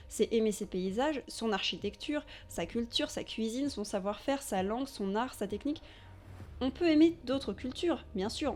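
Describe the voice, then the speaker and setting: A woman from France narrates a documentary video essay in a measured, emphatic voice, slightly higher than most, dropping in pointed asides. Quiet music plays under her voice.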